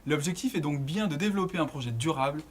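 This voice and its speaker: A man in his twenties from northern France, giving an earnest, measured, scripted narration as an entrepreneur presenting his project. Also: fairly high pitch, animated, slight background noise. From Lille area, northern France. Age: 20s.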